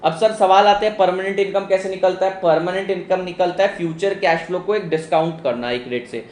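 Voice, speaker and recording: A man delivers a casual economics lecture, slipping English terms into his explanations and calling students "beta". His voice sits a little high for a man. The room is roomy and echoey, with faint background ambience. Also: a little fast, darkish tone, slight background noise. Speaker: economics teacher. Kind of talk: live online exam-prep lecture.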